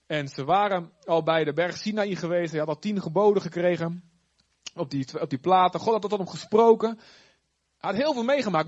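A man preaching a sermon in a lively, conversational way with chatty asides. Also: fairly high pitch, muffled recording. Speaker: pastor.

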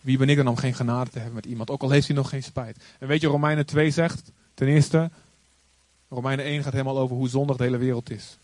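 A man who is a pastor, telling a story in a calm, earnest way and acting out the voices of the people he quotes. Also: mid-range voice, quick pace, dry recording. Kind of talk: sermon-style storytelling.

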